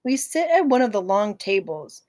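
A woman narrating a novel in the first person, calm, gentle and reflective. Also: mid-range voice, normal speed, no echo, studio quality. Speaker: audiobook narrator.

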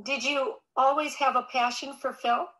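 Bright high-voiced woman podcast host. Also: fairly even intonation, moderate pace, rough recording. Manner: polite, structured questions. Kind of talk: interview hosting.

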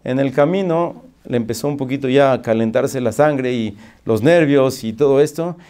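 A man's voice: medium pitch, moderate pace, dark tone. A man, a religious speaker giving an earnest moral storytelling talk. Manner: earnest, repetitive exhortation.

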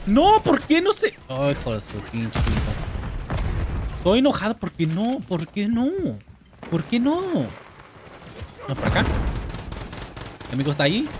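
A young man with a Mexican accent chatters through a shooter game, joking and cursing. His voice sits a little high and jumps all over the place. Game gunfire rattles behind him. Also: unhurried, long pauses, background noise. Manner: excitable, jokey, swears. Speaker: gamer. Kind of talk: gameplay commentary. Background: loud game gunfire.

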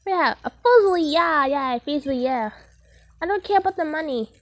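Very high-pitched playful woman gamer. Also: expressive, moderate pace, no room sound. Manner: silly, rambling, playing a role with jokey asides. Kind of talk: playful gameplay commentary.

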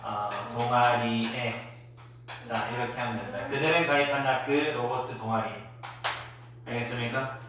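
A man's voice: mid-range voice, steady tone, normal speed. A Korean man teaching English to kids in a classroom, drilling pronunciation and having them repeat words after him. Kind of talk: classroom phonics lesson. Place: echoey classroom at an academy. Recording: roomy echo, distant mic.

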